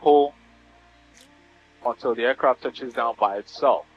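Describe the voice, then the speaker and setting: A man instructing a student pilot from the cockpit, heard through a headset intercom. His voice is mid-pitched and comes through dull and narrowband. He snaps out short commands, then explains them calmly and checks for understanding. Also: a little slow, faint music behind. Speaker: flight instructor. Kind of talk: in-flight coaching of a student pilot. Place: small plane cockpit, in flight. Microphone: pilot headset boom mic.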